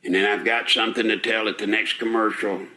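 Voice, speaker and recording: A man's voice: on the low side, little pitch movement, brisk, bright, forceful tone. An older man hosting a live talk radio show, out of breath, rambling folksy and indignant with rhetorical questions. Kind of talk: live call-in radio commentary.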